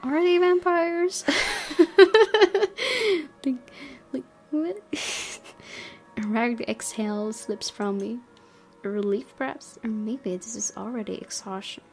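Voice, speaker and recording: Over loud game music, a woman reads a visual novel for her gaming video, dropping giggly, chatty asides between narrated passages. She speaks slowly on the high side and pauses often.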